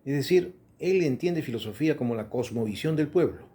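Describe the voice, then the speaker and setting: A man, an interviewer asking measured, deliberate questions about a book. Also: mid-range voice, lively intonation, dark tone.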